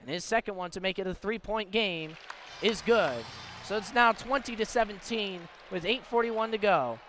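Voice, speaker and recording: A man announces live radio play-by-play from a sports venue's broadcast position, speaking at a normal pace in a high, fairly bright voice. Ambient venue noise is clear throughout, with some chatter behind him.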